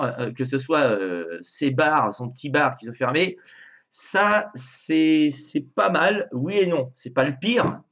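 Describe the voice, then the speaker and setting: A man hosting a video, commenting on song lyrics in a casual, hesitant way with frequent filler sounds, turning indignant at times. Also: mid-range voice. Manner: animated, indignant asides.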